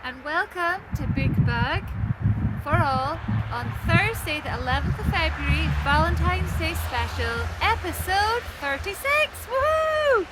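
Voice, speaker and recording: High-pitched woman, overbright children's party host. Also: animated, unhurried. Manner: bright, overenthusiastic children's party host delivery with whoops. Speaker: children's singing session leader. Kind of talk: children's sing-along session, talking and singing to young children. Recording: noisy recording with loud background noise.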